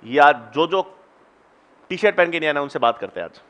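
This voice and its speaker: Teacher, male, high bright voice, coaxes students to try answers in a classroom. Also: big pitch swings. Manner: coaxing, encouraging students to answer; slow, deliberate when explaining steps. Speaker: biology teacher. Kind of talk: classroom lecture with student questions.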